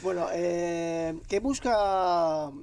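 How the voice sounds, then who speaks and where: Male podcast host, high-pitched, casual interviewer. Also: extremely slow, a little mellow, smooth. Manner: casual, questioning, slangy.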